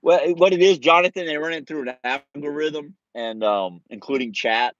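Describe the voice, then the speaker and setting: A man's voice: a little high, moderate pace, fairly bright tone, dry recording, highs cut off. A man in his forties casually telling a story to his viewers, laid-back, laughing and swearing freely. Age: 40s. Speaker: streamer.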